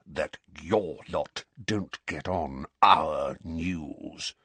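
A man playing a croaky, furious blustering uncle. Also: medium pitch, big pitch swings, measured pace, a bit bright, dry recording, voice pushed up, heavily acted. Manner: croaky, trembling with fury. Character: blustering stout middle-aged uncle, furious.

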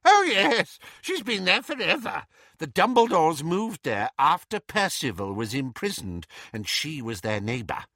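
A man voicing a shrill, gossipy elderly witch with a cheerful, tart and testy manner. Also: sing-song, unhurried, pushed and bright, no echo, clean studio sound, full character voice.

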